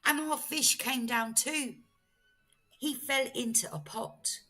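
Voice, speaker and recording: A woman narrates a children's story like a teacher reading to little ones, expressively and at an unhurried pace. Her voice is a touch husky, and light music sits behind it. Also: high-pitched, pushed and bright.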